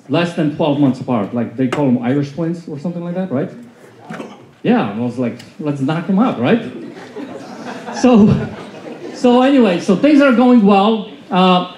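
In a large conference hall full of seated listeners, a Polish-born motivational speaker in his 40s loudly tells his story, his voice mellow and fairly high. Holding a handheld mic, he's filmed from the back of the room, and the echoey hall leaves the sound dull.

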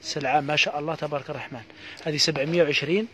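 A man with an Algerian accent giving a live sales pitch for housewares, reeling off prices in a quick patter full of repeated blessings. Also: fairly even intonation, pushed and bright, a little hiss or hum. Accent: Algerian Arabic. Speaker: housewares shop seller.

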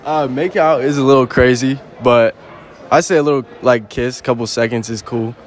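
A young man in his early twenties answering a street interviewer with relaxed, frank talk full of slang. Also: medium pitch, moderate pace. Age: young adult. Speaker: passer-by being interviewed. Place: outdoors on a city street.

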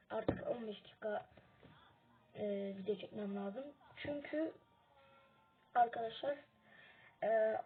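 Female gaming host, casual commentary with sudden excited yelling, slightly high voice, lo-fi phone-line sound. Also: creaky, breathy edge. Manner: chatty, bursts into urgent excited shouting. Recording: tinny phone-like audio.

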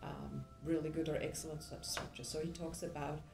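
A woman's voice: sits low, flat delivery, a little fast, vocal fry, reverberant, over music, rough recording. A middle-aged woman from Belgium, an engineering professor, answering interview questions thoughtfully with many ums and restarts. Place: indoor room.

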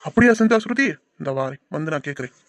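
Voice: medium pitch, fast, no room sound, natural voice. A performer voicing an easygoing cartoon village dad. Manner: calm, coaxing, pleading to viewers. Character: easygoing village father, soft on his daughter. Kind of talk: cartoon voice acting.

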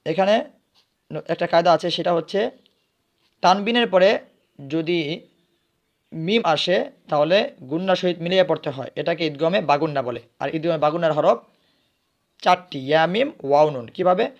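A man teaches recitation. He spells words out letter by letter, asks questions and answers them himself, then chants the words slowly. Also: fairly high pitch, dull audio.

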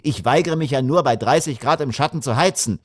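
A man's voice: lowish voice, lively intonation, normal speed, dry recording, studio quality, lightly acted. A man reading an audiobook voices an irritable, grumbling middle-aged father who protests indignantly.

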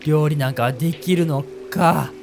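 A man's voice: on the high side, a little slow, gravelly. A young man voicing a condescending, swaggering working-man customer, with game music behind.

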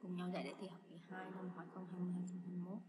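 A woman's voice: lowish voice, monotone, racing. A woman teaching English to schoolchildren, patiently walking through exam answers and talking to students in a chatty way. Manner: patient, chatty, addresses students as "các bạn". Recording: echoey room with loud background noise.

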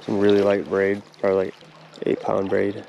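Outdoors on a riverbank, a young man with a gravelly, fairly low voice narrates his fishing at normal speed through a head-mounted action camera. He's excitable and curses whenever a fish strikes. The audio has cut-off highs, a noisy background and music underneath.

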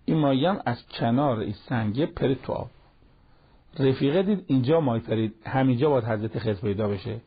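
A man teaching a Quran lesson, retelling the story in plain colloquial speech and acting out the dialogue. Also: mid-range voice. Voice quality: gravelly and raspy. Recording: lo-fi television broadcast audio.

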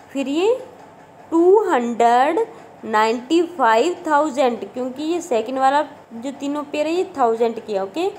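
Woman math teacher, Haryanvi Hindi accent, high voice, slow and patient, faint hiss behind. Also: darkish tone, poor audio. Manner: slow, patient, repeats numbers and "okay" checks. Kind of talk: classroom math lesson in Hindi-English mix.

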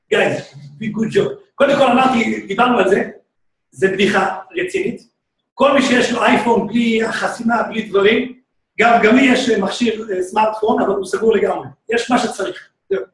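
A man teaching a lively, joking Torah class as a rabbi, often shouting out exclamations. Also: extremely high pitch. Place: synagogue hall. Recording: echoey room, speaker far from mic.

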